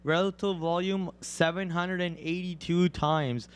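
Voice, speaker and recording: A young man gives live trading commentary as a day trader and stream co-host, walking through trades and calling prices as they shift. He speaks fast and excitedly, turning loud and high at any stock move, his voice raspy from a cold.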